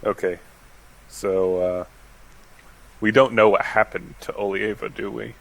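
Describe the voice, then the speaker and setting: A man's voice: lowish voice, steady tone, unhurried, gravelly, rough recording. A man playing a tabletop game over a call, asking tentative questions with many fillers. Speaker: player.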